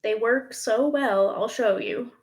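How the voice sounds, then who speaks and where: Slow-talking chatty woman streaming from home. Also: a little high. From Canada. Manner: rambling and chatty, with many fillers. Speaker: live streamer. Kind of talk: casual live-stream chat. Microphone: phone front-facing camera.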